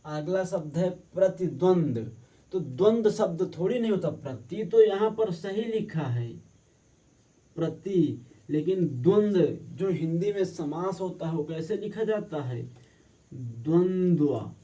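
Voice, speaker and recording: A man with a fairly high but very dark, mellow voice leads a spelling lesson for exam prep. He drags out each corrected word slowly and then explains it in a plain teaching manner. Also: lively intonation. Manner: slow, drawn-out word by word correction.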